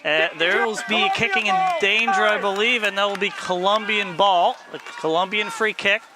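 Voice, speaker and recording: A man commentating a live football match outdoors, measured and often hesitating with fillers. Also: high voice. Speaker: colour commentator. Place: outdoors beside a sports field. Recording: outdoor field with loud background noise.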